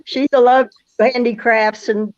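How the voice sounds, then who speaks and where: Higher-voiced woman with a Brooklyn accent, muffled recording. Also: fairly even intonation, takes it slowly. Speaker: interview guest. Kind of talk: casual reminiscing.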